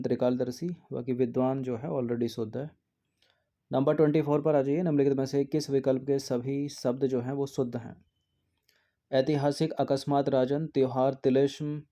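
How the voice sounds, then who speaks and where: A man's voice: mid-range voice, dark tone. A man going through the answers of an exam practice test, explaining each one steadily and repeating words to check them. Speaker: exam prep teacher. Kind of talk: test series answer walkthrough.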